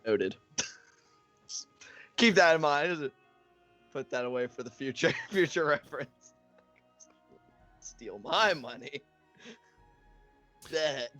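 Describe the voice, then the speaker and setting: Animated, jokey man playing a tabletop game. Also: fairly high pitch, drawn-out words, pauses often, no room sound, faint music behind. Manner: jokey, profane, laughs often. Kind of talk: casual improvised role-play chat.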